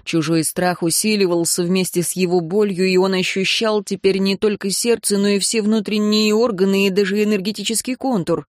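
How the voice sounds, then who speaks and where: Measured woman narrating a dramatic audiobook. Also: mid-range voice, fairly even intonation, dry recording, clean studio sound.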